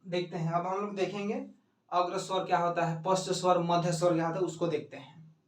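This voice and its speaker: A man's voice: high voice, level tone, a little fast. A male teacher giving an exam-prep lesson, explaining step by step and asking and answering his own questions. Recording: echoey room, mic at a distance.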